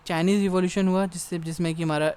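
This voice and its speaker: A young man teaching an exam-prep lesson, reading English text slowly and then explaining it casually with frequent check-ins. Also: high-pitched, fairly even intonation, darkish tone, clear, resonant tone. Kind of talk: exam-prep lecture in Hindi mixed with English.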